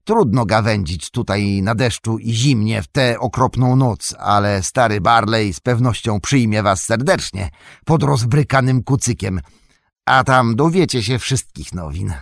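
A man voicing a wary, gruff male gatekeeper in an audiobook reading, curt in manner. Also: fairly low pitch, unhurried, no echo, studio quality, voice pushed up. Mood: welcoming. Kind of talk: audiobook character voice.

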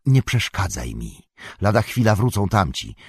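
Man reading a calm, earnest young hobbit. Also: on the low side, measured pace, husky, no echo, clean studio sound, exaggerated voice. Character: gentle young male hobbit, resolute master. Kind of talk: audiobook character voice.

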